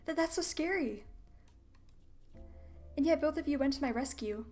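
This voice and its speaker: Woman voicing a game heroine faking a cute act; high, sugary, shy and stammering. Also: lively intonation, moderate pace, darkish tone, soft background music. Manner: timid, stammering, sweet.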